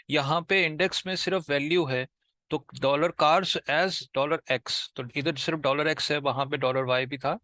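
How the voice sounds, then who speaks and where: This Indian-accented man tutors programming informally, stepping through the material while haltingly repeating himself and slipping in English technical terms. His voice is on the high side, pushed and bright, and the recording has no echo.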